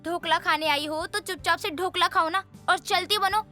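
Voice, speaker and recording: A woman voicing a blunt, sassy young woman in an animated story, with quick retorts. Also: extremely high pitch, faint music behind. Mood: snappy. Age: young adult.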